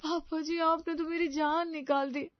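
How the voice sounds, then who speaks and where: A woman's voice: very high voice, level tone, unhurried, no echo, lo-fi sound, voice pushed up. A woman voicing a worried grown-up son who pleads urgently. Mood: urgent pleading.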